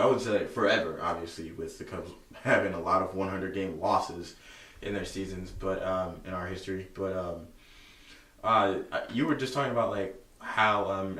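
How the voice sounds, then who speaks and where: A man's voice: sits low, fairly bright tone. A man co-hosting a casual sports podcast, rambling with lots of fillers as he reads stats aloud. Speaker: podcast co-host. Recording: echoey room, distant from mic.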